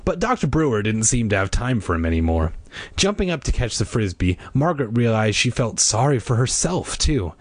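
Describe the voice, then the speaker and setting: A man's voice: medium pitch, sing-song, fairly quick, no echo. A man reading a children's book aloud in a playful way, tossing in wisecracks between passages. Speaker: reader.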